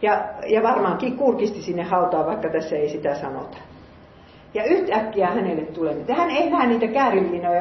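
This lay preacher, a woman with a voice on the low side, reads Bible passages and reflects on them in an earnest sermon, questioning her listeners as she goes. The recording is roomy and muffled, carrying a little hiss or hum.

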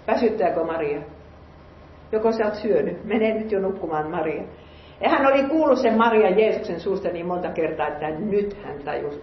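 A woman's voice: on the low side, a little hiss or hum. Woman preaching on a bible passage, earnest and musing, echoey room, kinda muffled sound. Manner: earnest, musing, asks the listeners questions. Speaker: lay preacher. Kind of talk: Bible reading with sermon commentary. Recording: roomy, muffled recording.

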